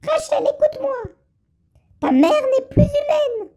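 A frail old grandmother, shrill and thin, pressing her warnings with urgency, as a young man puts her on while playing a story game. Her voice lurches up and down. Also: sing-song, a little slow, dark tone, heavily acted. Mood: urgent. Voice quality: very high, thin old-woman voice. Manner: insistent warnings. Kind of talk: game dub by a player.

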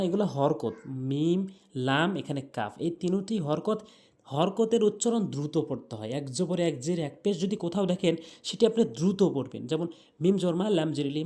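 A man from Bangladesh teaching Quran pronunciation in Bengali, spelling out letters and vowel marks and then chanting each verse in long, drawn-out recitation. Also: a little high, mellow. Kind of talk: patient tajweed lesson.

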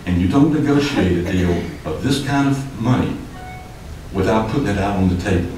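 An older developer speaks at a city commission hearing in a low, darkish, animated voice at a moderate pace, emphatic and gesturing as he gets more heated. Through a distant podium microphone in the echoey indoor chamber, faint music can be heard behind him.

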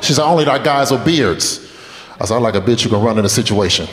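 A comedian in his late twenties talks quickly and with animation in a mid-range voice, telling profane, meandering stories and engaging the crowd. Heavy background noise and audience laughter fill the echoey club, which carries a long reverb.

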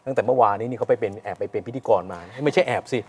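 A man's voice: mid-range voice, breathy edge. A man hosting a studio talk show, chatty and teasing with a student audience. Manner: jokey, chatty, quick. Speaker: TV host.

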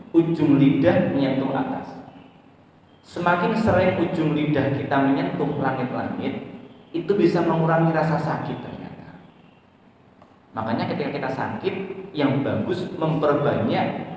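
A male preacher delivers an animated mosque sermon, acting out prayers and little dialogues, swinging between loud and soft. His voice comes from some distance and rings through a long, echoey hall, with a faint hiss behind it. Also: a little high, moderate pace, pauses often. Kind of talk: morning religious study sermon.

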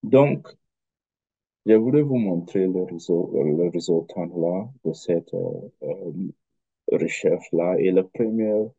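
Low mellow guy w foreign accent in french, non-native, halting academic talk, muffled dull call audio. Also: husky, no echo. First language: not French. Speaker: researcher presenting a study. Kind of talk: academic presentation.

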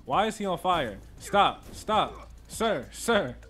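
A man giving joking, slangy commentary as he plays through a video game, with loud reactions. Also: sits high, very animated, slow, breathy edge, soft background music. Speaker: gaming channel host. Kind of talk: casual playthrough commentary.

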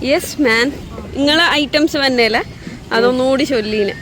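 Female vlogger, higher-pitched, casual, code-mixes English; clearly noisy outdoor recording. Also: moderate pace, fairly bright tone. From Lakshadweep, India. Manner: mixes English words into Malayalam. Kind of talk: casual chatty vlog. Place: outdoors at a park by a beach.

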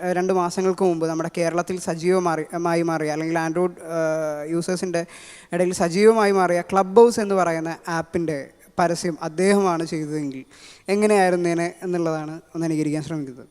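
Malayali man, mimicry artist, fast, high voice, lots of fillers, long hall reverb. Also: steady tone, darkish tone, smooth. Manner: quick, with many fillers. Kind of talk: introducing impressions on stage.

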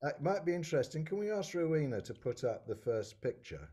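A man's voice: fairly high pitch, big pitch swings, fairly quick, dark tone, husky. A man moderating a panel discussion, speaking with dry, wry humour.

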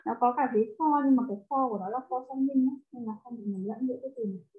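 A woman tutors a single pupil in English, walking through each word patiently. Her voice sits a little high. It comes through a thin, phone-like line. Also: racing. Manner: explains step by step, mixing English words into Vietnamese. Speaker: English teacher. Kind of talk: one-on-one tutoring lesson.

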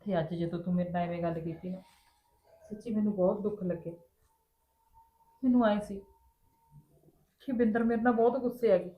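An actress plays a sister-in-law in a family drama, soft-spoken and hurt. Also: female voice, medium pitch, steady tone, a little fast, long pauses, phone-quality sound, natural voice. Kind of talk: Punjabi family drama acting. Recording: echoey room.

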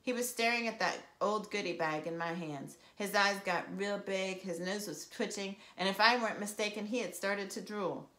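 A woman teacher reading a children's novel aloud in a lively storytelling way, with a roomy echo. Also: mid-range voice, normal speed, few pauses.

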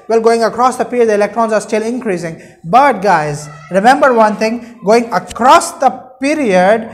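A young man gives an explanatory classroom lecture. He teaches by posing questions and answering them himself, adding short check-in tags as he goes. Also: very high voice. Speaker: chemistry teacher. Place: indoor room at a whiteboard.

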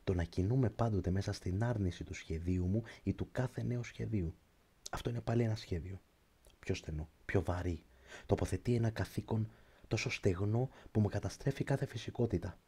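A man reading a literary prose audiobook in a slow, measured, reflective way. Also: on the low side, dark tone, husky. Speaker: audiobook narrator.

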